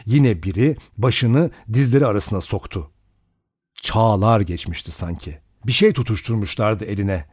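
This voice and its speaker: A man narrating an audiobook dramatically, slowing and speeding for suspense. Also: lowish voice, breathy edge, no room sound, studio quality. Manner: expressive, varies pace for suspense.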